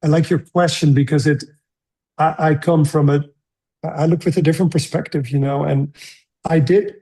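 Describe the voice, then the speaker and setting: Gravelly middle-aged Dutch-born man, musing. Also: fairly high pitch, little pitch movement, warm tone. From Netherlands. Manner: thoughtful, halting with many restarts. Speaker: screenwriter guest. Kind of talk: conversational interview.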